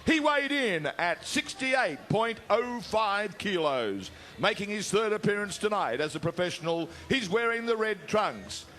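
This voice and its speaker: Boxing ring announcer, male, high voice, drawn-out shouted names, light venue noise behind. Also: very animated. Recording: faint background noise, live event ambience.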